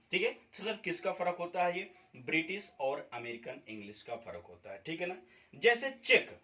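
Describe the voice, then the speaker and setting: An Indian English teacher gives a classroom-style explanation of spelling differences, moving step by step, going over points again, and frequently checking on his viewers. His voice is high-pitched and a bit bright, and the audio quality is poor.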